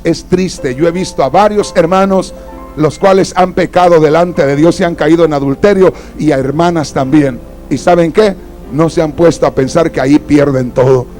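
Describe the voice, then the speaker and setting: A man with a Mexican accent preaching a sermon in a fervent manner, swinging between loud exclamations and quiet asides. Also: on the high side. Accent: Mexican Spanish.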